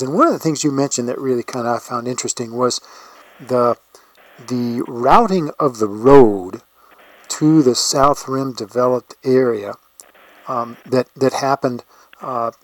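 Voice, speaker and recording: A man conducting an informal oral history interview, with hesitant, pausing phrasing. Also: mid-range voice, dry recording, low-quality recording.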